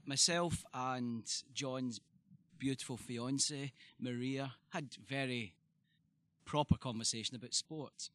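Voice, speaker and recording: A man's voice: medium pitch, slow pace, fairly bright tone. A man co-hosting a casual podcast, joking and cutting in on the others. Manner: joking, interrupting.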